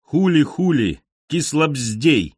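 A man voicing a cocky, foul-mouthed male pigeon who jeers in slow, drawn-out, mocking cries in an animal storybook reading. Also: mid-range voice, very animated, no echo, studio quality, voice pushed up. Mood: jeering.

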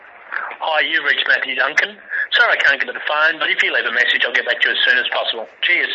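A man's voice: medium pitch, sharp tone. A man's recorded answering machine message, heard played back over a phone call. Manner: brisk recorded greeting. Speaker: voicemail greeting of a friend. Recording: muffled phone line with faint noise.

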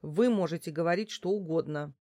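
A woman's voice: on the low side, brisk, dark tone, no echo, lightly acted. Brief: woman reads a grudging male investigator for an audiobook, curt, dry close sound. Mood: stubborn. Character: stubborn grumbling male investigator, middle-aged.

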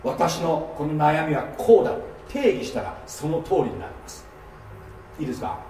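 Animated man preaching in an echoey hall. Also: a little high, moderate pace, a little hiss or hum. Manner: animated teaching with frequent rhetorical checks. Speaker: pastor. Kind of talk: seminar sermon. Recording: echoey hall, mic at a distance.

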